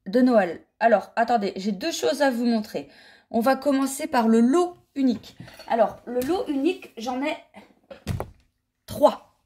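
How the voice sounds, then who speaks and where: Chatty woman vlogger, slightly high voice. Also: darkish tone. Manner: chatty, rambling, with frequent restarts and hesitations. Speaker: knitting vlogger and yarn dyer. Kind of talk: casual chat. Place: home living room, on the sofa.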